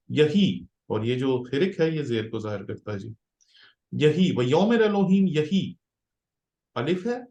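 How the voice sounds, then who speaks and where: A male pastor teaching Biblical Hebrew in a slow classroom lecture, patiently repeating words syllable by syllable. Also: fairly high pitch, darkish tone. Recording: roomy echo.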